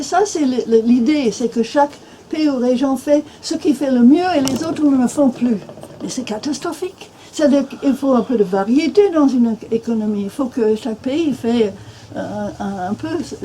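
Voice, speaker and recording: An older woman from Minnesota speaking French, a native English speaker who talks haltingly with many restarts and fillers, as a guest on a bookshop panel. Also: high-pitched, dark tone, a little hiss or hum, low-quality recording. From Minnesota, USA. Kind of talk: panel discussion. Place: bookshop event room.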